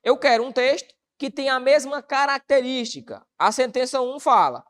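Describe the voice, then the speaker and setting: Lively Brazilian woman grammar teacher. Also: high-pitched, moderate pace. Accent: Brazilian Portuguese. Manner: asks and answers own rhetorical questions, colloquial. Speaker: exam-prep grammar teacher. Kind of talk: online exam-prep lesson.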